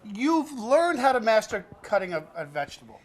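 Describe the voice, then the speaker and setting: Pitched high, with big swings in pitch, this man talks at a normal speed. He hosts a cooking show where he teaches a child through playful banter, cracking jokes, laughing a lot, and addressing the child as "buddy."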